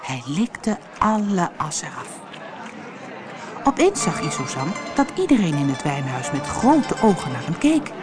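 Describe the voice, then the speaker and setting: A woman from the Netherlands reading a children's fairy tale aloud with expressive storytelling. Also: low-pitched, a little slow, music in the background, crowd noise. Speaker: narrator.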